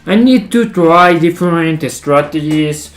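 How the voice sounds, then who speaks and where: A man's voice: on the high side, unhurried. A man hosting a livestream in casual chat, talking like a hyped-up gym bro and repeating his phrases. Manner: hype gym-bro talk, repeats phrases, often says bro. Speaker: livestream host.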